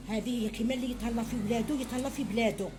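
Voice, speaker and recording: Fast-talking motherly Algerian woman cooking. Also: a little high, steady tone, background noise. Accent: Algerian Arabic. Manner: chatty, motherly, addresses viewers as her children, frequent blessings. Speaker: home cook. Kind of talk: cooking tutorial.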